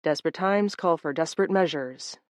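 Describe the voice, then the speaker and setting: A woman reading aloud voices a calm man speaking slowly and clearly to soothe someone. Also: fairly low pitch, dry recording, studio quality, natural voice. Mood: hushed. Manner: slow, clear, coaxing. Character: calm man casting a soothing memory spell.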